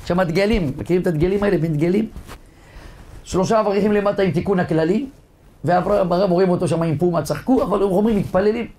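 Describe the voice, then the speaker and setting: A male rabbi giving a humorous sermon, telling jokes and stories to his congregation. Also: sits high. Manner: lively joke-telling storyteller addressing a congregation.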